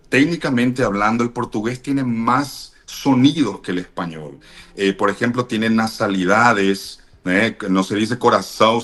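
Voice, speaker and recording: A Paraguayan man being interviewed, explaining things in a measured way with frequent fillers and restarts. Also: lowish voice, a bit bright. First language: Spanish. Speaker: interview guest, language teacher. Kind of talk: thoughtful explanatory interview answers.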